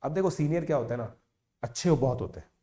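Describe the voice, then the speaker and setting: An educator in his thirties tells online students a motivational story in Hindi sprinkled with English. He's chatty and animated, speaks fast in a mid-range voice, and keeps checking in with "theek hai."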